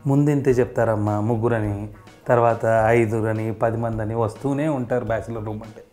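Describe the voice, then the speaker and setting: Landlord guy doubting the bachelors, quick talk, music clear underneath. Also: medium pitch, fairly even intonation, a little mellow. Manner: doubtful, objecting. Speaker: house owner. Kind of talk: scripted comedy sketch.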